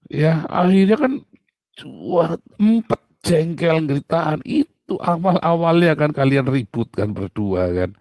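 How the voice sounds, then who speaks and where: A middle-aged man preaching a sermon in a chatty, animated way with casual asides. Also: a little high, unhurried, no echo.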